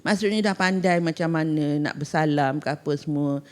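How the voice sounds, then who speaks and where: A woman's voice: low-pitched, moderate pace. Middle-aged Malaysian woman giving parenting advice. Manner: code-switches into English, acts out parent-child dialogue. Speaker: parenting expert guest. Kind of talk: casual podcast advice.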